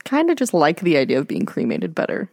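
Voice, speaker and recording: A woman's voice: deep voice, huge pitch swings, fast, gravelly, darkish tone, dry recording, clean studio sound. A woman podcast co-host chatting casually and candidly, reacting to the others. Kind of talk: casual chat.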